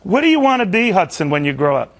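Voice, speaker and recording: A man works as a television interview host, speaking in a fairly high male register with a gravelly creak. He talks conversationally, often doubling back and repeating words as he frames his questions. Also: sing-song. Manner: halting, backtracks and repeats words.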